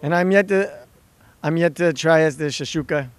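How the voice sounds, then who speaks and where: La guy, footballer, easygoing and chatty, smooth clear voice, bit high. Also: moderate pace. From Los Angeles, California. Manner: easygoing, chatty, laughs often. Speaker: soccer player. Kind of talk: casual interview chat. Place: outdoors by a river.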